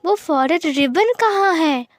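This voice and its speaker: A woman's voice: very high-pitched, steady tone, measured pace, no room sound, faint music behind, pitched above the performer's own voice. A woman voicing a frightened, tearful young man who stammers and pleads, in a fan-fiction story reading. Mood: anxious. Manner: stammering, pleading, breaks off mid-word.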